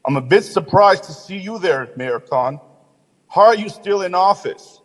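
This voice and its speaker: An indignant man challenges the council during public comment, firing off pointed rhetorical questions. His voice is high for a man. The chamber's long reverb hangs behind his words. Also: animated, moderate pace, fairly bright tone.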